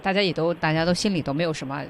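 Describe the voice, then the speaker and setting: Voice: mid-range voice, rapid-fire, over a noisy crowd. A co-host of an English lesson who prompts the teacher and sums up points for listeners. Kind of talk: radio lesson chat.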